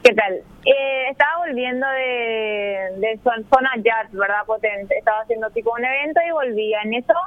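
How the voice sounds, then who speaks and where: High-voiced woman on a phone line. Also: no echo. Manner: agitated, fast retelling with restarts. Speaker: interview guest by phone. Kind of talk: phone interview retelling an incident. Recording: tinny phone line, dry.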